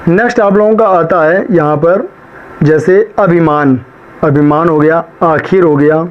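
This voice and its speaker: A man's voice: a little high, measured pace. A man teaching a spelling lesson, drilling words one after another, right and wrong, with much repetition. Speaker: shorthand teacher. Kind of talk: spoken lesson. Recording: dull lo-fi sound.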